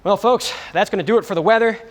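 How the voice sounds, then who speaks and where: A man's voice: high voice, fast talker. A young man presenting the weather as a stand-in, in a goofy, self-mocking, mock-serious manner. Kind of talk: comic weather segment.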